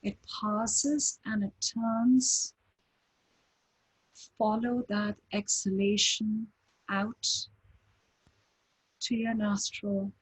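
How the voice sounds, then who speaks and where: A meditation teacher, a woman with a medium-pitched voice, guides a breathing meditation at a very slow, unhurried pace. Her airy, breathy voice is far from crisp, and each short phrase settles into a long pause.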